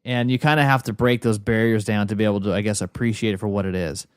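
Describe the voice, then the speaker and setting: A man's voice: fairly low pitch, fairly even intonation, fast, clean tone, no room sound, studio quality. A man co-hosting a film podcast in casual chat, rambling with many fillers and restarts. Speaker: podcast co-host.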